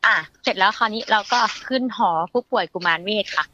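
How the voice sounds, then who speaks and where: A woman's voice: medium pitch, pushed and bright. A woman caller telling a ghost story in a chatty way, calling in by phone. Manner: fast-talking, chatty. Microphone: phone call. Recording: dull phone line.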